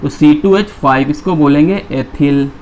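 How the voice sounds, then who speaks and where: A man's voice: on the high side, measured pace, a little mellow. A man teaching a chemistry class, who keeps asking his students questions and then answering them himself. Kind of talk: classroom lecture.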